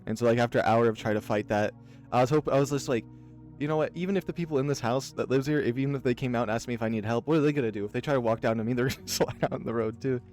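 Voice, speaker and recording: Rapid-fire delivery marks this medium-pitched, darkish male voice, heard over faint music. He's an Oregon let's play host who casually tells meandering, filler-packed stories as he plays a visual novel.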